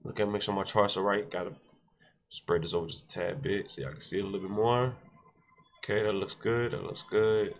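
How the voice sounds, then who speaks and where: Brisk and fairly even in intonation, this fairly low-voiced man has a stuffy nose as he hosts a day-trading stream. His casual talk, aimed directly at chat, is repetitive and exhorting, with a short devotional tucked in.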